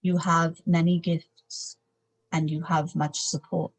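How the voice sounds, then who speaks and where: A woman speaking as a trance medium, in formal, solemn, measured phrases, as if a spirit guide were advising a client. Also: low-pitched, level tone, rough recording. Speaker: trance channeler, seance medium.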